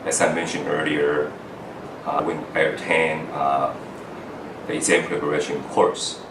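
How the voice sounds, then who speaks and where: A very deep, level-toned voice belongs to a middle-aged Taiwanese man, a doctor trained overseas, recounting his path to residency earnestly to camera. He halts often, using "uh" and restarting sentences. The audio sounds roomy and far from the mic, with noise behind him.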